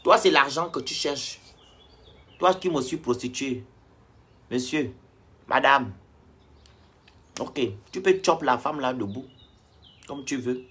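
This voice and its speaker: Husky raspy guy ranting on his vlog, preachy and blunt, talking straight at the viewers. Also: mid-range voice, lively intonation, slow, long pauses, fairly bright tone. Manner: blunt, preachy, lecturing the audience directly. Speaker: online commentator. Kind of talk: ranting social-media vlog.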